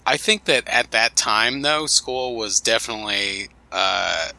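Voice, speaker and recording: A man co-hosting a podcast, tossing out sarcastic jokes and casual swearing. His voice is low and very bright and sharp. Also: lively intonation, unhurried, gravelly, no echo. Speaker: podcast co-host.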